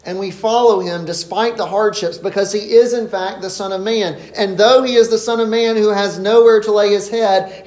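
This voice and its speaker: A man's voice: high-pitched, a little mellow, reverberant. A man preaching an expository sermon in an earnest, emphatic way. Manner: earnest, emphatic, rises sharply when voicing the disciples.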